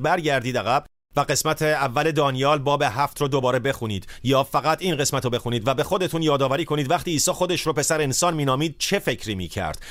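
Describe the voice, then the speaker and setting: A man's voice: medium pitch, a bit bright, no echo. Male preacher, mid-range voice, earnest and emphatic, dry close recording. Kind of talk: sermon.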